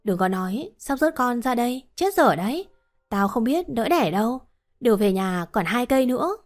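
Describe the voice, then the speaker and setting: A woman's voice: on the high side, sing-song, moderate pace. A woman voicing a blunt, scolding but caring old village woman, over faint music. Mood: worried.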